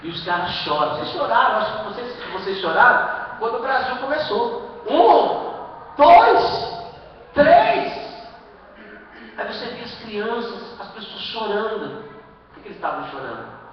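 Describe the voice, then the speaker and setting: A man's voice: high-pitched, expressive, moderate pace. Male pastor, Brazilian accent, emphatic sermon, rhetorical questions, dull lo-fi live-stream sound, faint background noise. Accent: Brazilian Portuguese. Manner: emphatic preaching with rhetorical questions and sudden loud bursts. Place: church hall. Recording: echoey live-stream from far off in a hall.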